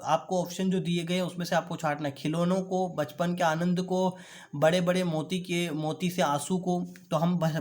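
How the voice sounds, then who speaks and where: A man teaching an online class, slowly reading out and explaining textbook answers. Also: sits high. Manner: carefully repeats words for pronunciation drill.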